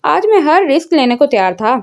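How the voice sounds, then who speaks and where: A woman voicing a gentle, devoted young male army officer in a storybook reading. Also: high-pitched, big pitch swings, fairly quick. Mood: tender.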